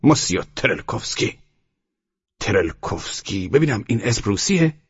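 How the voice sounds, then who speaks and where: A man reading an audiobook, voicing a brusque, suspicious police chief who shouts and hectors. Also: fairly low pitch, sing-song, slightly rough, no room sound, pitched above the performer's own voice, full character voice. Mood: interrogating. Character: loud, brusque middle-aged male police chief. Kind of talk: audiobook character voice. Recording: muffled lo-fi audio.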